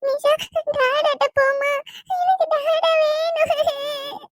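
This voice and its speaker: A woman's voice: very high voice, level tone, noisy background, pitched above the performer's own voice, full character voice. A tiny crying toddler girl. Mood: tearful. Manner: babyish, drawn-out, tearful. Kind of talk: cartoon voice acting.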